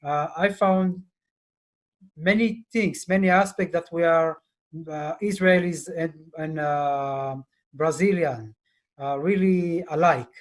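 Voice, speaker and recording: Slow, halting man on a video call. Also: a little high. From Ethiopia. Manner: slow, halting, many fillers. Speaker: diplomat guest. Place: office indoors. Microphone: earphone mic on video call.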